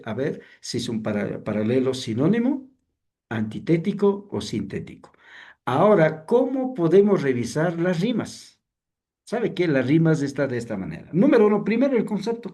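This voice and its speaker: A man teaching a seminary class, explaining slowly and hesitantly, often asking rhetorical questions. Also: fairly high pitch, dark tone. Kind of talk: online class lecture on songwriting.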